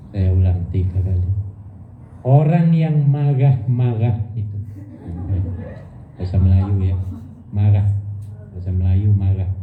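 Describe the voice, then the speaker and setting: A man leads a lively religious study session, quizzing his listeners and acting out little scenes with a laugh. His voice carries a roomy echo and comes through thin and tinny, like a phone line. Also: lowish voice, a little hiss or hum. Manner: playful, questions the audience and has them answer; laughs often, acts out insults. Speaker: Islamic religious teacher. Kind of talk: religious study lecture to a women's group. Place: mosque hall. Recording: echoey, tinny phone-like sound.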